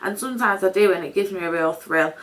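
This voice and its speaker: A British vlogger talks fast in a mid-range, somewhat bright voice. She's doing an unscripted, chatty get-ready-with-me, rambling casually and making fun of herself in an informal style.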